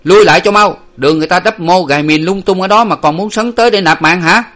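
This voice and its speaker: Man voicing a harsh male guard, storybook, barking orders, loud, raised pitch. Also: fast talker. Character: gruff hidden male guard, harsh and impatient.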